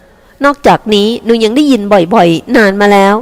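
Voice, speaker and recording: A woman voicing a resentful teenage girl who speaks slowly and bitterly about her mother, in an audiobook with long reverb. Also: fairly high pitch, a little mellow, voice pushed up, natural voice. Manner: resentful, cutting, slow and emphatic.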